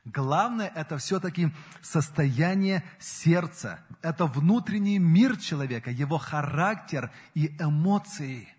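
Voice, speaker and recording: A man in his forties delivers a sermon with a slightly husky, fairly high voice. He speaks earnestly, building up and then easing back. The sound carries a long reverb, as in a large church hall. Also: expressive, measured pace, darkish tone. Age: 40s. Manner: earnest, rises and falls in emphasis. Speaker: preacher.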